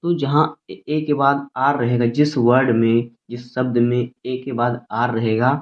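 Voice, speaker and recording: A man teaching English phonics in a slow, repetitive classroom style, spelling words out letter by letter. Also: medium pitch, level tone. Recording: tinny phone-like audio.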